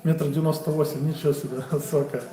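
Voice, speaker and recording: A Ukrainian-accented boxing coach in his forties chats casually with viewers on a live stream from a room at home, answering their questions off the cuff in a friendly way. His voice is a little high and mellow, with a level tone and a quick pace. The poor-quality audio has an echoey room sound and soft music in the background.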